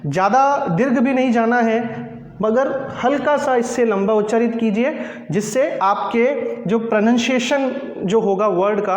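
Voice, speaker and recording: A man teaching English pronunciation in a slow, patient classroom style, repeating each word several times. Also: high-pitched, echoey room, big-room sound.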